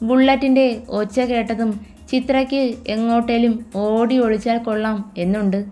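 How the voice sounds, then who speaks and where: A woman's voice: fairly high pitch, level tone, normal speed. Woman reading a romance story over music. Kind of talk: scripted romance narration. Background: soft music.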